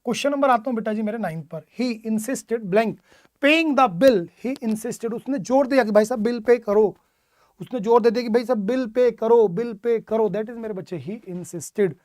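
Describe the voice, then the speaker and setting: A man's voice: very high voice, a little fast, warm tone, dry recording. Dry-voiced male teacher drilling vocabulary. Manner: drills word meanings with repeated questions, calls students "my child". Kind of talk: online exam-prep English lesson.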